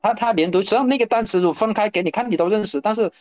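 A man in a casual chat who answers with quick, short agreements and sometimes adds his own point. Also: high-pitched. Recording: dull lo-fi sound with faint music.

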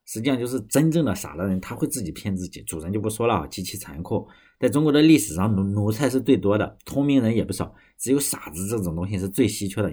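Male podcaster, lowish husky voice, loose rambling read with frequent self-corrections. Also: mellow. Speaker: podcast host. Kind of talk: casual storytelling and reading aloud.

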